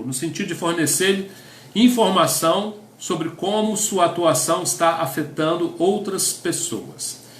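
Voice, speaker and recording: A man's voice: high-pitched, fairly bright tone, echoey room, slight background noise. A middle-aged Brazilian man, a pastor teaching couples in a conversational sermon, often tagging his sentences with a questioning aside. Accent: Brazilian Portuguese. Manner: conversational, tags lines with "né?", reads definitions aloud.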